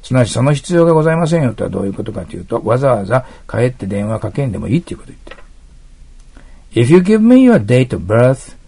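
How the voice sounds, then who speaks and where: Gravelly male english teacher, dark husky voice, walks thru exam questions step by step. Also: medium pitch, animated, very fast. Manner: explains step by step, asks listeners to mark text. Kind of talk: exam prep lecture.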